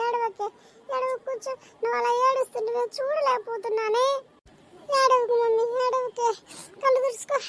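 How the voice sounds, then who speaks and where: A woman voicing a grown daughter in a cartoon, who soothes her mother and scolds her sister-in-law sharply. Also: very high voice. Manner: pleading, then sharply scolding.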